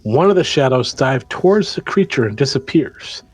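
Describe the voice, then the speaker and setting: A man's voice: mid-range voice, lively intonation, normal speed, a little mellow, husky. A man narrating a tabletop role-playing game as game master, mixing story narration with casual rules talk.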